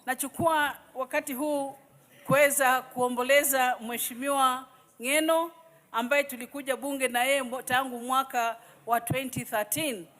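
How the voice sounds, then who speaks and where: A Kenyan woman with a very high voice delivers a condolence speech. She speaks formally as a member of parliament. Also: fairly even intonation, moderate pace, fairly bright tone. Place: parliament chamber.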